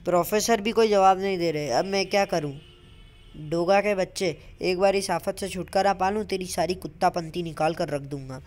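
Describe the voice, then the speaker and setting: A woman's voice: on the low side, moderate pace, darkish tone, natural voice. A woman voicing a brash boy superhero. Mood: angry. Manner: exasperated, lecturing, hot-tempered. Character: brash young male superhero, bossy and boastful. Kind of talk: comic voice-over dub.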